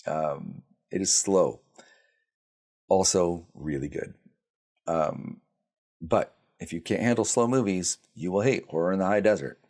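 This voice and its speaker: A man with a very low voice running through quick film reviews. He talks casually, with plenty of ums, restarts and dry sarcasm. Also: a little mellow. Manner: blunt, sarcastic, with frequent fillers and restarts. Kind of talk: casual spoken movie reviews.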